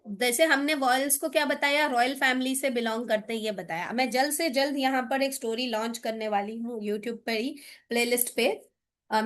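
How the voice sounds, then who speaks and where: A woman's voice: a little high, fairly bright tone. A woman leading a phonics teacher-training lesson, switching between English and Hindi and sounding out example words. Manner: explanatory, sounds out letter sounds and drawn-out example words.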